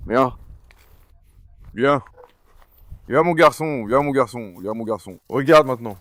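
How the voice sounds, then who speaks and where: A man's voice: medium pitch, measured pace, no room sound. A man talking casually to camera while handling his dogs on a farm, coaxing and calling them. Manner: coaxing, calls dogs repeatedly. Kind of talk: casual vlog talk to camera. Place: outdoors on a farm with animals.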